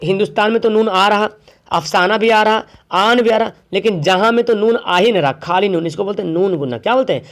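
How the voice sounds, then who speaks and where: A man with a noticeably high voice teaches an exam grammar lesson. He keeps quizzing his listeners and repeats each example word, stretching some out slowly to show how they should sound. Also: fairly bright tone. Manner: drags out words slowly to show pronunciation.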